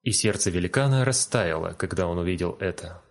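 A man reading a fairy tale aloud in a calm, gentle storytelling manner. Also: sits low, brisk. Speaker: narrator. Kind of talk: storybook narration.

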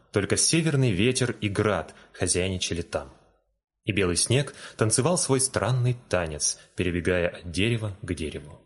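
A man reading a fairy tale aloud in a calm, gentle storytelling manner. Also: on the low side, slightly rough. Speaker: narrator. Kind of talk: storybook narration.

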